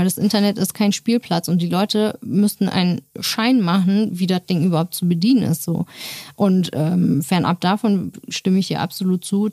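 Mellow-voiced woman chatting candidly. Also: lowish voice, no echo, studio quality. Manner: candid, emphatic, quotes critics in put-on voices. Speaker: content creator. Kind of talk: casual podcast conversation.

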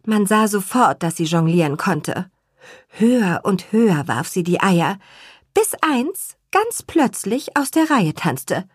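A woman narrating a children's story with an expressive, measured reading style and a husky voice. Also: medium pitch, no room sound, studio quality. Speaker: audiobook narrator.

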